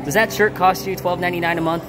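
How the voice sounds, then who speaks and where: A man's voice: high voice, steady tone, quick pace. A man chatting casually and in a rambling, conversational way as a theme park vlogger. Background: loud music.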